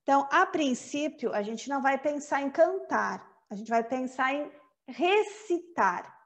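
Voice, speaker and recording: High-voiced Brazilian woman teaching English. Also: expressive. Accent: Brazilian Portuguese. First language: Portuguese. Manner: slow, carefully paced recitation; switches between English and Portuguese. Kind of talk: online English lesson.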